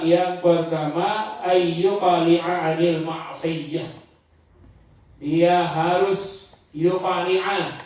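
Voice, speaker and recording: High-voiced preacher in an echoey room. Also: male voice, darkish tone, recorded from a distance. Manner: chants Arabic phrases, then explains them in everyday speech; acts out the repentant sinner's prayers with rising emotion. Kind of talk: online Islamic study sermon.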